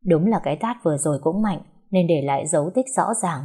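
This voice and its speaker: A woman's voice: low-pitched, animated, fast talker, dark tone, breathy edge. A woman narrating a dramatic story in a scripted way.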